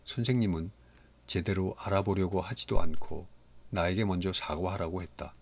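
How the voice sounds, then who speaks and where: Low-voiced guy reading a story aloud, steady and calm. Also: normal speed, vocal fry. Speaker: audiobook reader. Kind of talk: audiobook narration.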